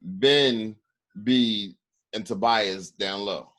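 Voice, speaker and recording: Relaxed man asking casual questions. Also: lowish voice, extremely slow. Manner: relaxed, asks questions, laughs along. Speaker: podcast co-host. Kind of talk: casual sports chat.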